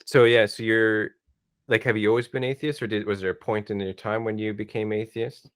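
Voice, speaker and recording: Man, podcast host, casual interview, low voice, dry close mic, relaxed. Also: brisk, smooth, dry recording. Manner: relaxed, encouraging, short reactions.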